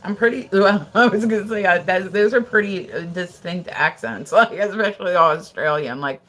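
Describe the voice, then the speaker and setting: This woman from the United States is livestreaming at home, chatty and gossipy, swearing freely, filling her speech with "like," and responding to viewers as she goes. She has a medium-pitched, slightly bright voice at a moderate pace.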